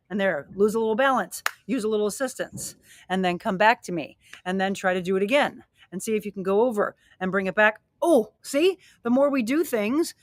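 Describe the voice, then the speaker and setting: A middle-aged woman coaching a live workout from outside her home, encouraging and energetic, a little out of breath as she exercises. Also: on the high side, dry recording. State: slightly out of breath. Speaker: fitness and wellness coach hosting a live stream. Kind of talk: live-streamed workout and motivational talk. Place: outdoors at her home, by a grilling area.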